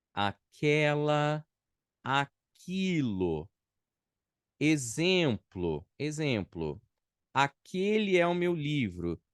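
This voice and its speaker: Patient male teacher, slow and dry. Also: fairly high pitch, clean tone, no echo. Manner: patient, repeats model words slowly for pronunciation. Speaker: English teacher. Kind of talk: beginner English lesson.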